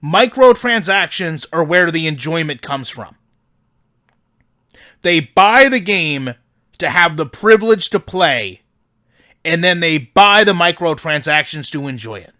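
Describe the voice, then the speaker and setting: A smug corporate executive acted out by a man hosts a staff conference call in a comedy parody. His voice is bright and forceful, set slightly high. He speaks with earnest, measured politeness and firm emphasis. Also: full character voice.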